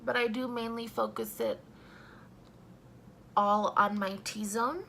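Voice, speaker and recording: A young woman doing a casual makeup review at home, talking softly and a little sleepily as she applies primer. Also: mid-range voice, very animated, slow, slight background noise. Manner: soft-spoken, just woken up. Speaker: beauty vlogger.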